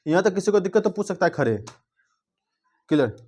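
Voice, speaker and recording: A male teacher with a fairly high, animated, slightly mellow voice leads a grammar lesson. He drills his students with repeated questions and "clear?" checks, and sometimes drawls words out slowly to show vowel length.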